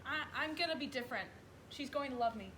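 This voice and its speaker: A woman's voice: high voice, expressive, brisk, bright, forceful tone, slight background noise. A young woman on stage playing an anxious mother who pleads to be loved by her son's wife. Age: late teens. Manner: pleading, fretful. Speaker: student actor. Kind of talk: stage play dialogue. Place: school theater stage.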